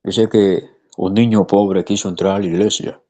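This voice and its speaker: A man's voice: deep voice, fairly even intonation, moderate pace, dark tone. A man, a pastor, telling a story in conversation in an earnest, emphatic way. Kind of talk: preaching in conversation.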